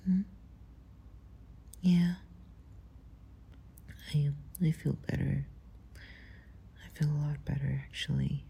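Young woman, ASMR roleplay, close-mic, soft and halting whispers, very low and dark, slow. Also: fairly even intonation, creaky, slight background noise. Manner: soft, hesitant, often whispered.

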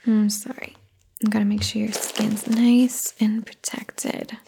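A woman in an ASMR caretaker roleplay, speaking softly and soothingly, often in a whisper, close to the microphone. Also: mid-range voice, level tone, slow, vocal fry, background noise.

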